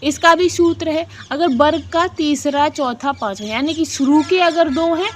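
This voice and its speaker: A high-pitched woman teacher leads an exam-prep lesson and keeps asking and answering her own questions. She sounds out syllables again and again as she explains, with English words mixed into her talk. Faint noise hums behind her. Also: moderate pace. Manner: repeats syllables to demonstrate sounds; mixes English words into Hindi.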